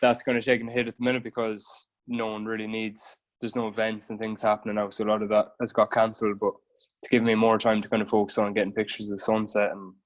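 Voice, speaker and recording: A man's voice: lowish voice, monotone, fast talker. A man from Galway with a west of Ireland accent, explaining things informally as a guest personal trainer in a casual podcast interview.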